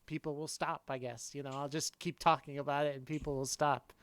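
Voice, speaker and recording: A man's voice: a little high, little pitch movement, fairly quick, a bit bright. A man hosting a casual podcast chat, telling stories with a laugh. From not from Boston. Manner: chatty storyteller, laughs often. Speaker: podcast host.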